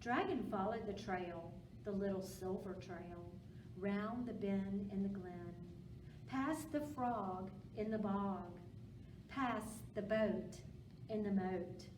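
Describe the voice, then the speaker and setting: Taking it slowly, a woman with a mid-range voice reads aloud at a storytime for young children, using simple, encouraging speech. There's roomy echo, a distant mic, and background noise.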